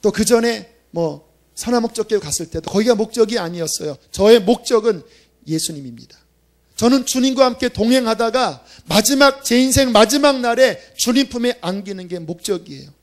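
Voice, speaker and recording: A man's voice: high-pitched, lively intonation, fairly quick. A male pastor preaching a sermon at a church service, telling a story in a conversational, emphatic way.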